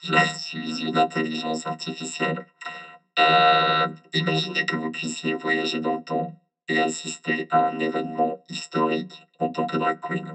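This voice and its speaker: A man voicing a polite, formal AI chatbot through a deep robot voice effect, reading questions in a flat monotone. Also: normal speed, pauses often, poor audio. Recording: loud synth music underneath. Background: loud synthesizer music.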